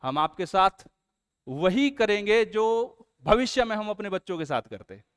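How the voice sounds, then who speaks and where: A man's voice: high voice, big pitch swings, normal speed, a bit bright, clean tone, no echo, clean studio sound. A man, an exam coaching teacher, walking students through a test series in an earnest, coaxing way. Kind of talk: promotional explainer lesson.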